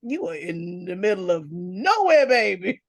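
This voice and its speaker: A woman's voice: mid-range voice, big pitch swings, unhurried, no room sound, studio quality. A woman from South Carolina hosting an interview, chatty and familiar, teasing her guest in a friendly way. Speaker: interviewer, magazine host. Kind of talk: casual interview chat.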